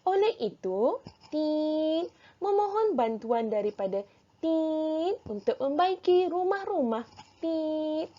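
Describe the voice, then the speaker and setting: A woman reading the lines of a respectful male village headman with a Malaysian Malay accent, in slow, careful speech. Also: sits high, sing-song, mellow, pitched above the performer's own voice, heavily acted. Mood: pleading. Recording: dull lo-fi recording.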